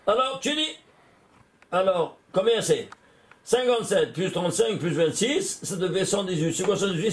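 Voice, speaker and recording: A rabbi whose voice sits on the high side leads an animated religious lesson. He tests his audience with rhetorical questions, often breaking off to restart and repeating words.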